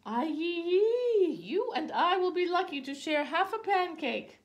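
A woman's voice: mid-range voice, sing-song, a little slow, darkish tone, voice pushed up. A woman playing an exasperated storybook mother. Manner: exasperated, exclaiming, raised voice. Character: busy, fretful village mother.

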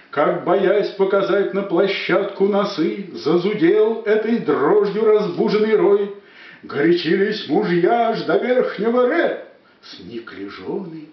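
A man giving a dramatic poetry declamation, with measured, emphatic phrases that swell and fall. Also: fairly high pitch. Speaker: poet reciting verse on stage. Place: echoey room, recorded at a distance. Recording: echoey room, distant dull microphone.

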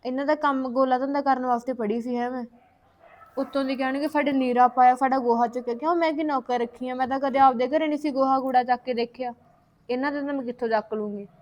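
A woman playing a whiny young bride, high-voiced. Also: steady tone, quick pace, darkish tone, dull audio, close to an everyday voice. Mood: complaining. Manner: whining, complaining, quarrelsome. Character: young newlywed wife, spoiled and complaining. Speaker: actor in a short film. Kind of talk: village short-film acting.

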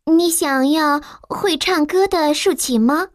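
A woman voicing a nervous servant of a giant in a children's story, giving hushed, urgent warnings. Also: high voice, slow pace, no room sound, clean studio sound, pitched above the performer's own voice.

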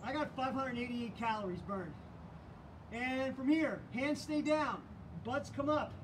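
A man's voice: very high-pitched, unhurried. A man leading a live online workout class as fitness instructor, calling out counts and cues with energy. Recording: distant mic, faint background noise.

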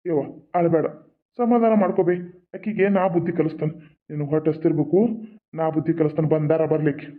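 A grown farmer son in a cartoon, voiced by a man with a North Karnataka accent, asking worried questions and calming his mother. His voice sits fairly high. The sound is thin and phone-like. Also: fast, lightly acted. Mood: concerned. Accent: North Karnataka Kannada. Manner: concerned, soothing questions. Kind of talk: cartoon voice acting.

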